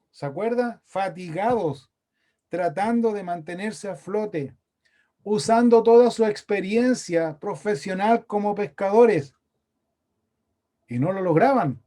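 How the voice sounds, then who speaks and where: A Chilean man preaches in a high, mellow voice. He keeps it conversational and often turns to his listeners with questions. The sermon is delivered in a church meeting room. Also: takes it slowly. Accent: Chilean Spanish. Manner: conversational, asks the congregation questions.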